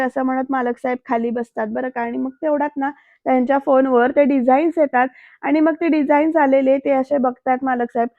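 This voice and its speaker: A woman's voice: high-pitched, no echo. A woman narrating a voice-over recap of a TV serial and addressing her viewers, on a dull, dry recording.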